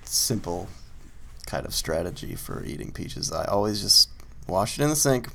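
A man's voice: on the low side, animated, normal speed, creaky, fairly bright tone. A man chatting casually in a podcast, laid-back, laughing often and stumbling over words now and then. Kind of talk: casual chat. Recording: faint background noise.

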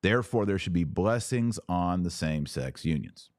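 A podcast host gives explanatory religious commentary in an emphatic, deliberate teaching manner, repeating phrases for effect. His voice is low, expressive and darkish, captured as clean studio sound with no room sound.

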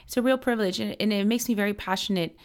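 A woman's voice: medium pitch, very fast. A young adult woman from Miami, a political strategist, answering interview questions in an earnest, passionate way with many fillers and restarts. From Miami, United States.

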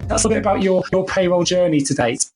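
A man's voice: high-pitched, quick pace, over music. Froggy, congested male podcast host. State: has a head cold. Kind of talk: podcast hosting.

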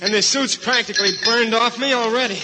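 High-pitched brash young space cadet. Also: male voice, a little fast. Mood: strained, wry. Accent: American. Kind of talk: old-time radio drama acting. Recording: noisy old radio drama recording.

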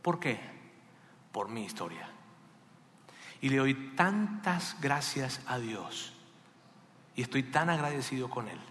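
A man preaching a sermon with passion and dramatic swings between loud and hushed. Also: mid-range voice, sing-song, slow, pauses often. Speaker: pastor. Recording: echoey hall.

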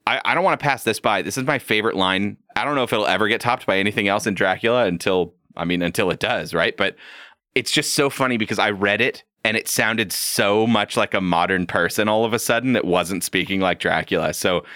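A man's voice: fairly low pitch, brisk, no room sound, clean studio sound. A man co-hosting a casual comic-book podcast, joking and laughing as he retells a story. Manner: laughing, jokey, animated retelling. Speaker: podcast co-host.

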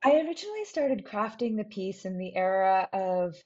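A woman from New Hampshire, a scholar and teacher, reflecting thoughtfully on her path, pausing and restarting as she searches for words. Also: medium pitch, sing-song, a little mellow. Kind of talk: reflective personal talk. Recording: dull lo-fi recording.

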